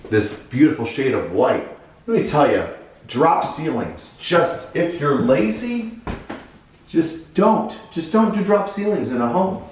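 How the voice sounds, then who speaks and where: A man's voice: fairly low pitch, a little mellow. Man, sarcastic, swearing, house walkthrough, very echoey bare rooms, heard from a distance, faint noise. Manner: sarcastic, profane, jokey. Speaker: vlogger renovating a run-down house. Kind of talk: casual walkthrough commentary. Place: empty house interior.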